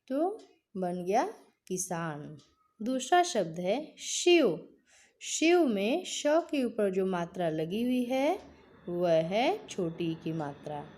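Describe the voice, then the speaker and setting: A woman teacher giving a patient reading lesson for children, carefully stretching out each example word. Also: mid-range voice.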